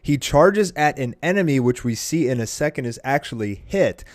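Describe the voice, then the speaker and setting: A man's voice: mid-range voice, animated, normal speed, no room sound, clean studio sound. A young man giving casual, enthusiastic commentary as host of an anime review channel, in informal fan talk.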